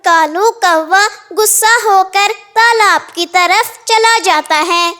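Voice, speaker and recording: High bright woman narrating a cartoon. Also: slow pace.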